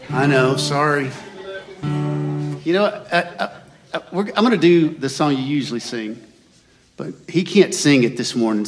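A man, leading worship in an easy, casual way. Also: mid-range voice. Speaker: worship leader. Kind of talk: casual chat and worship singing. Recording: roomy live sound with guitar. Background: acoustic guitar music.

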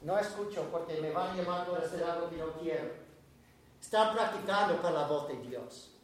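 A man preaching a sermon, animated, swinging from loud to soft and acting out quotes. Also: on the high side, moderate pace. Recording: echoey room.

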